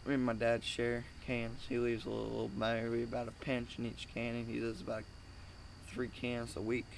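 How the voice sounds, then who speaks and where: A young man rambles through an informal review with chewing tobacco tucked in his lip. His voice sits at an average male pitch, barely moves in melody and crackles with fry. He speaks haltingly and coarsely, over faint vehicle noise. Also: completely flat delivery. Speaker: amateur product reviewer.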